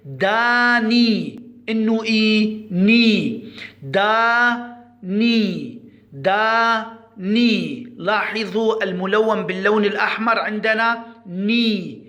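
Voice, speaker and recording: A man teaching first-grade children to read, drawing out each syllable slowly and asking the class questions before he answers them himself. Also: sits high, a bit bright. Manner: slow, drawn-out syllables for repetition; encouraging, asks questions then answers. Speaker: primary school Arabic teacher. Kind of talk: children's phonics lesson.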